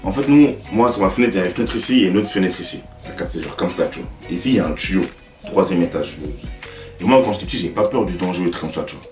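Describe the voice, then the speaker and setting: A young man with a French accent, a YouTuber telling stories in a casual, slangy, animated way and talking straight to the viewer. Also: deep voice, fast, distant mic. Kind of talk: casual storytelling to camera. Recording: roomy, away from the mic, faint music.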